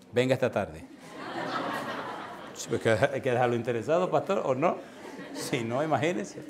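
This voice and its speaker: A man's voice: medium pitch, darkish tone, slight background noise. A man preaching an evangelistic sermon, telling a personal story with animation and putting direct questions to his listeners. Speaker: pastor. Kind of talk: evangelistic sermon with altar call.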